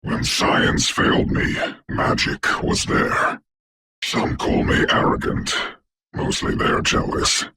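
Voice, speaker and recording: A man voicing a proud, grave sorcerer doctor in a video game, speaking formally and theatrically in a rough, whispery voice. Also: slow pace, background noise, close to an everyday voice. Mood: grave, solemn. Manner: grandiose, formal, archaic, solemn delivery. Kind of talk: theatrical game character voice lines.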